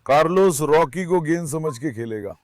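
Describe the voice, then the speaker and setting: A man vlogging on his farm with a clip-on mic, calming his dogs with soft commands and chatting to viewers. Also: fairly high pitch, moderate pace, heavy background noise. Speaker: farm dog keeper and channel host. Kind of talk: casual vlog talk to camera and dogs. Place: outdoors on a farm.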